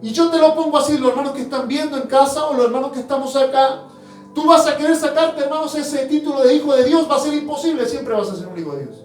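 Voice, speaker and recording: Male apostle, high-voiced fervent sermon; distant mic in a reverberant church, soft music under. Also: fast. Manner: fervent, addresses congregation as brothers, swings from loud to hushed. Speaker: apostle preaching. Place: church hall.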